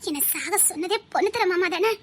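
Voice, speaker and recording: A woman's voice: very high-pitched, fairly quick, fairly bright tone. A woman voicing a heartbroken young woman in a drama, speaking with a Tirunelveli Tamil accent in a tearful, pleading way. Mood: hopeless. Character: heartbroken young woman set on ending her life.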